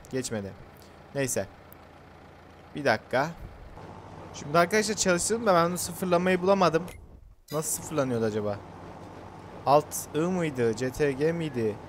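Young guy rambling over a farming game, bit high voice, faint hiss behind. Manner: chatty, self-mocking, talks to viewers. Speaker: gaming YouTuber. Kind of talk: casual gameplay commentary.

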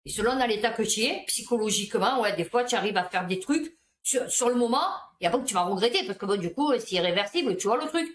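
Lady reading news and chatting over it, slangy, highish voice, roomy echo. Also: expressive, fast talker, hardly any pauses, a little hiss or hum. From Marseille. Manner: chatty, slangy, reacts aloud while reading. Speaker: host reading local news. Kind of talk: casual commentary on news items.

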